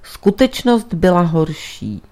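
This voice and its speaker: A woman's voice: on the low side, sing-song, a little mellow. A woman voicing a shrewd male priest detective who presses his point earnestly in a storybook reading. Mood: grave.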